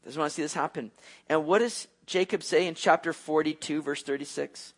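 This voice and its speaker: A man preaching a sermon, retelling a story with lively asides to his listeners. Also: a little high, brisk.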